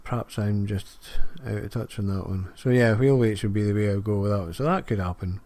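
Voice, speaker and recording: A gaming video creator rambles through self-deprecating commentary on a farming game, filling it with fillers. His voice is on the low side and somewhat dark in tone, moving a little fast.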